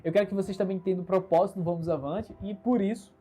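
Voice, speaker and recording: His voice is high, mellow and husky, delivered rapid-fire with fairly even intonation. He is a Recife-born entrepreneur in his twenties with a Recife Brazilian Portuguese accent, livestreaming alone from his bedroom to his channel's audience via smartphone camera. He chats casually, earnest, upbeat and self-assured, gesturing a great deal.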